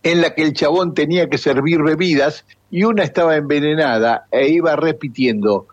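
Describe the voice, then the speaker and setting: A man's voice: on the high side, normal speed, dry recording, dull audio. A man co-hosting a radio show, reading listener messages in a chatty way. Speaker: radio co-host.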